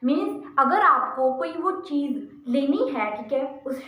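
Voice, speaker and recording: A woman's voice: sits high, lively intonation, takes it slowly, echoey room, dull audio. A woman with an Indian accent teaching a physics lesson, explaining in Hindi mixed with English terms and answering her own questions. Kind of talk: classroom lecture.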